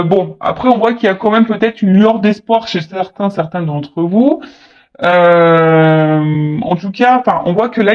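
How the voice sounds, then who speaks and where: A woman talks viewers through a tarot reading in a loose, conversational way. She hesitates often, fills pauses and restarts her sentences, with a teasing, chatty edge. The recording sounds dull and muffled. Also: low-pitched. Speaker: tarot card reader.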